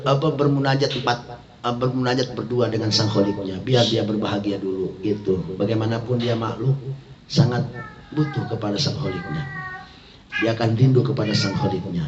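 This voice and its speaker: A man's voice: fairly low pitch, fairly even intonation, normal speed, crowd noise. Man, Jakarta Betawi accent, religious teacher, kitab study lesson, Arabic reading with slangy jokes, echoey dull recording. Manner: reads Arabic then explains in joking street slang. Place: indoor prayer gathering room. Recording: echoey room, dull lo-fi sound.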